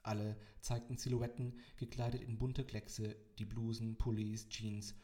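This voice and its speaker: A man's voice: on the low side, monotone, measured pace, dark tone. A man in his twenties narrating an audiobook in the first person, with dry, wry delivery. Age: 20s.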